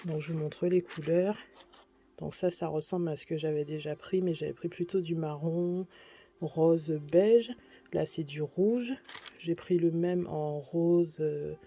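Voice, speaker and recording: A woman's voice: deep voice, vocal fry, warm tone. A woman vlogger chatting casually through a shopping haul, gushing about each purchase. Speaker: beauty and lifestyle vlogger.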